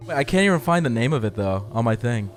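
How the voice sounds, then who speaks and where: A man streaming a video game in casual chat, excitable and swearing casually, who is losing his voice. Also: mid-range voice, quick pace. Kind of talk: casual let's-play chat. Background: game music.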